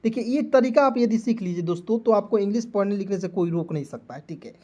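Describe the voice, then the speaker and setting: A man's voice: high voice, fast talker, dark tone. A man teaching an online lesson, who patiently spells words out letter by letter and keeps checking in with his viewers as friends. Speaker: English teacher.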